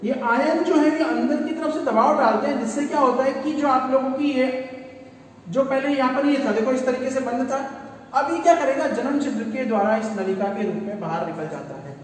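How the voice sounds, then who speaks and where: A man's voice: very high voice, a little fast, a little hiss or hum. A man teaching a biology class in Hindi. He keeps asking his students questions and answers them himself, repeating key terms. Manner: addresses students as "beta". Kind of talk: classroom lecture. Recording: echoey room, voice from far off.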